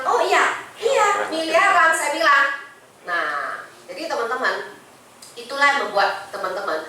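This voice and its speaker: A middle-aged woman with an Indonesian accent gives a lively talk to a room, her voice high and bright and her pitch swinging widely as she keeps firing questions at the audience. She is picked up from a distance in a very echoey meeting room, with faint noise underneath. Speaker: insurance agency director giving a talk. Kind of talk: motivational sharing session to an audience.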